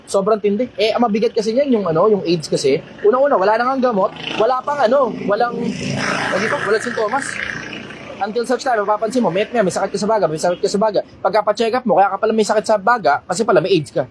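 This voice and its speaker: A man hosting a casual livestream Q&A, talking bluntly, swearing casually and getting loud when he makes a point. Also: high voice, fast talker, a little hiss or hum, poor audio. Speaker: livestream host answering questions.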